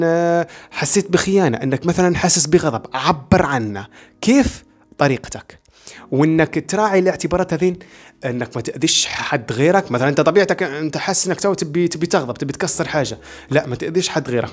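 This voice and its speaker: A man with a Libyan Arabic accent, hosting a self-development podcast and explaining ideas in rapid, repetitive lists. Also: on the high side. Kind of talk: motivational talk.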